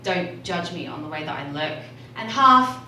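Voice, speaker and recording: A woman's voice: lowish voice, animated, normal speed, sharp tone. Dry British woman doing stand-up. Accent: British English. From England. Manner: dry, self-deprecating delivery. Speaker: stand-up comedian. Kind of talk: stand-up routine. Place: small improv theater stage. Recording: echoey, distant, noisy room recording.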